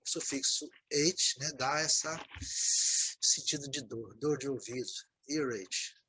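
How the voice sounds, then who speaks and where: A man's voice: medium pitch, a little slow, pushed and bright, a little hiss or hum, poor audio. A Brazilian man with a Brazilian Portuguese accent recording a video lesson on English vocabulary, patiently repeating words and checking in with his students. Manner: explanatory, repeats words, frequent "né, gente?". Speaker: English teacher.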